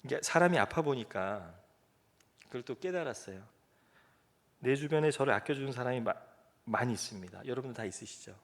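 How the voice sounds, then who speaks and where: A man's voice: mid-range voice, expressive, a little fast, long pauses. A middle-aged male pastor preaching a sermon, telling a personal story in a conversational, self-deprecating way with light laughter. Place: church sanctuary.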